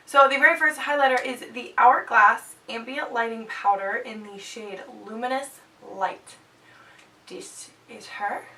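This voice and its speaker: A beauty vlogger in her twenties, her nose stuffed up, reviews products for her channel in a bubbly, chatty way full of jokey asides. Her voice sits on the high side, pushed and bright, and the recording has a slightly distant mic with faint background hiss.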